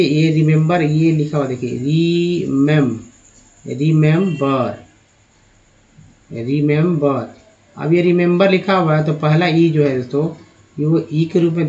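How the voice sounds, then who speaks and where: Male tutor, slightly high voice, patient, spells words out letter by letter, dull lo-fi sound. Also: darkish tone. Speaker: English teacher. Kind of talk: Hindi-language English pronunciation lesson. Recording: dull lo-fi recording.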